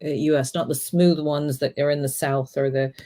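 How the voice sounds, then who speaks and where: A woman's voice: deep voice, steady tone, normal speed, warm tone. A woman co-hosting a review podcast, rambling with many fillers while she searches for words. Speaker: podcast co-host. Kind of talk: casual review discussion.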